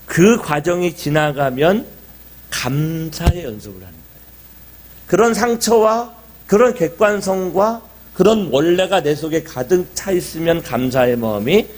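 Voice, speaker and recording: A man's voice: a little high, expressive, measured pace, darkish tone. A middle-aged man pastor preaching a sermon in a church, talking conversationally and asking the congregation rhetorical questions. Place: church sanctuary.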